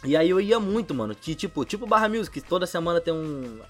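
A man's voice: on the high side, expressive, fast, fairly bright tone, soft background music. A man with a Rio de Janeiro accent telling a casual podcast anecdote in heavy street slang, acting out bits of dialogue as he goes. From São Gonçalo, Rio de Janeiro state, Brazil. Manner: Rio street slang, full of filler tags. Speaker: podcast storyteller.

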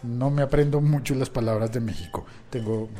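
A man's voice: medium pitch, fairly quick, dark tone. A man hosting a casual podcast, chatting and telling stories with many restarts and hesitations. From not from Mexico. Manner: rambling, frequent restarts and hesitations, playful storytelling. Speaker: podcast host.

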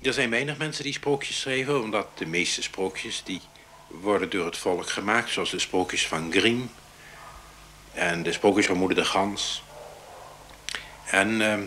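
A man speaking slowly and hesitantly in a documentary interview. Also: fairly low pitch, bright, forceful tone, slight background noise. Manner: slow, hesitant.

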